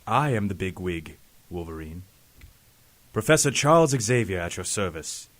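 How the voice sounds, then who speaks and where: An actor playing a calm, authoritative professor, measured and formal, in a superhero audio drama. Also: male voice, low-pitched. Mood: assured, businesslike. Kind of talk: fan-made superhero audio drama acting.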